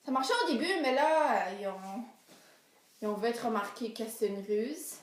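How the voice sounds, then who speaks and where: Young woman, high bright pitch, very animated comic monologue, hushed asides to excited cries, echoey room. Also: normal speed, far from the mic. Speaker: storyteller. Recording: roomy echo.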